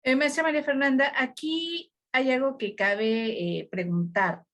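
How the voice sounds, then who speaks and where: A woman's voice: sits high, a little slow, fairly bright tone. A woman, hosting an interview and asking formal, somewhat hesitant questions. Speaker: interviewer, host.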